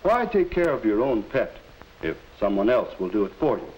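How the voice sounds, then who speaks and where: A man acting as a middle-aged schoolteacher in a 1950s educational film, speaking like a narrator of that era in a measured, didactic way. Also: fairly low pitch, big pitch swings, a little mellow, poor audio. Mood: instructive. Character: kindly, instructive male schoolteacher in a 1950s film. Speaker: teacher advising a student. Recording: hissy old 1950s film soundtrack.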